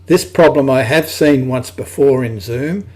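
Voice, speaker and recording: A man's voice: mid-range voice, a little slow, a little mellow. Apologetic man on a video call. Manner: apologetic, chatty. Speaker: meeting host. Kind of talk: online club meeting chat.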